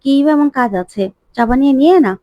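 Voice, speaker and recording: A woman voicing an affectionate middle-aged mother-in-law who coaxes gently. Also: high voice, animated, very fast, no room sound. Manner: affectionate, coaxing.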